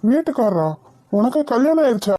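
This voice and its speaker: A woman voicing a calm, reassuring middle-aged husband in a cartoon. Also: fairly high pitch, slight background noise, lightly acted. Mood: calm, concerned. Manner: reassuring, measured. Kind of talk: cartoon voice acting.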